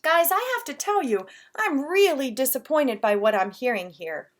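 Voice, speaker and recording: A woman's voice: sits high, lively intonation, normal speed, voice pushed up. Woman voicing a stern caring mom. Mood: scolding. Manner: scolding, earnest. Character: stern but caring mother.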